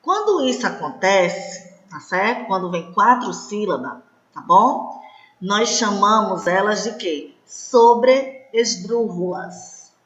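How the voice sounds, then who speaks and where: A Brazilian woman teacher, slowly and patiently explaining a lesson and often checking that students follow. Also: mid-range voice, a bit bright. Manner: checks in often with short tag questions. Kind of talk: slow, patient classroom explanation. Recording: echoey room, dull lo-fi sound.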